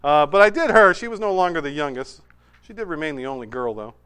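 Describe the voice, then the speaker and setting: A middle-aged male pastor from New Hampshire delivers a conversational sermon. His voice sits fairly high and sounds smooth and clear. He tells personal anecdotes with humor and plenty of asides. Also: fast. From New Hampshire, USA. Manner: animated storytelling, with humor and asides.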